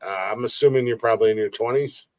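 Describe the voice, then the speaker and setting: A man's voice: medium pitch, quick pace, no room sound. Forties guy hosting a podcast stream, rambly, repeats himself, cusses a lot, dry sound. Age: 40s. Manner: rambling, repeats words, swears freely. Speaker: podcast host. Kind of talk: casual live-stream chat.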